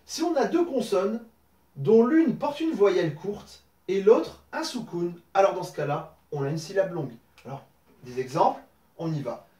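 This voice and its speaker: A man teaching an online lesson, explaining patiently step by step with many pauses and fillers. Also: high-pitched, lively intonation, warm tone, reverberant, far from the mic. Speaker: Arabic teacher.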